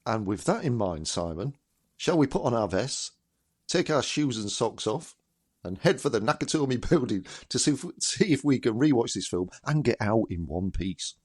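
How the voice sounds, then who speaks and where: A man's voice: mid-range voice, very animated, moderate pace, a little mellow, husky. A middle-aged man co-hosting a podcast, agreeable and encouraging in casual chat. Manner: agreeable, affirming. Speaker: podcast co-host.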